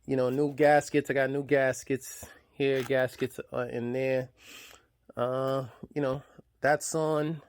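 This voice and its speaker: A man's voice: medium pitch, level tone, takes it slowly, clear, resonant tone, dry recording. A man talking casually through his engine build in a garage vlog, rambling loosely with lots of fillers. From New York. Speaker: hobby mechanic vlogger.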